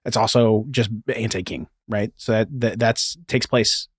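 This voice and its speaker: A man with a lowish, slightly rough voice and fairly even intonation hosts a podcast, speaking a little slowly. He tells stories about film and history in a casual, digressive way with frequent asides. The studio-quality audio has no room sound.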